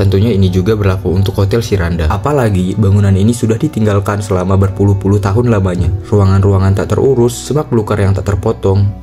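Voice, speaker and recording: A man's voice: fairly low pitch, mellow. A man reading a scripted horror narration as a storyteller. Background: background music.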